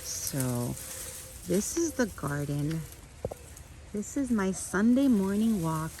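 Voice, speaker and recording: Walking through her outdoor orchid garden on a windy morning, a middle-aged woman chats to her viewers with restarts and asides. She takes it slowly, her medium-pitched voice swinging widely in pitch, with background noise behind her.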